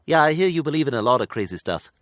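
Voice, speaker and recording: A man's voice: mid-range voice, very animated, very fast, a bit bright, slight background noise. An actor voicing a bratty, talking baby boy in a cartoon, with a haughty, sarcastic way of speaking. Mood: snooty. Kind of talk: cartoon voice acting.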